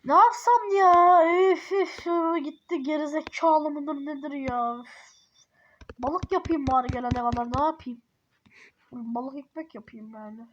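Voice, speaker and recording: A brash young woman chatting through a game in a high, bright voice. She swears freely and snaps into loud scolding, all in a loose, casual commentary style. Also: measured pace, highs cut off, slight background noise. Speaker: gamer playing a babysitter game.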